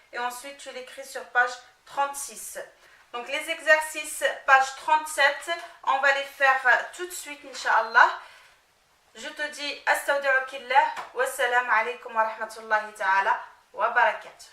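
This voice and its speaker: A woman teacher with a bright, higher voice speaks slowly and patiently, sounding out letters and vowel marks one by one for a young learner. She is recorded a little away from the mic in a roomy, echoing space. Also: fairly even intonation. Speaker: Arabic teacher. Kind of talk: slow spelling-out lesson for a child. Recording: echoey room, mic at a distance.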